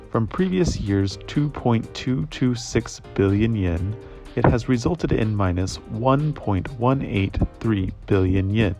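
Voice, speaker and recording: Man, translation voice-over, interpreter, formal scripted reading, fairly deep voice, soft music behind. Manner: measured, formal delivery. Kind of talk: scripted reading of financial results.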